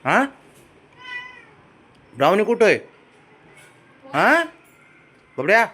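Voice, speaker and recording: A man talks to his cat in a coaxing, sing-song baby voice, his pitch leaping up and down with every question. He sounds like an owner casually filming his pets at home. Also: very animated, slow pace, sharp tone, breathy edge. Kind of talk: casual pet vlog.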